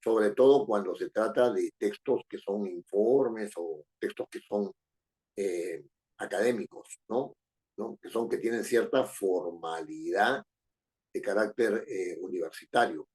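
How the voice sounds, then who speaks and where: A man's voice: lowish voice, a little slow, a little mellow. A man with a Peruvian Spanish accent lecturing a class, often tagging his sentences with rhetorical questions and repeating phrases. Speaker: teacher.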